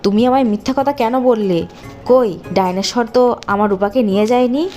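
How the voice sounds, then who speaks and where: Woman voicing a mellow-toned loving father. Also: fairly high pitch, moderate pace, close to an everyday voice. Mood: angry. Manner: pleading, then stern and threatening. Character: loving middle-aged village father. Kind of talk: cartoon voice acting. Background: faint background music.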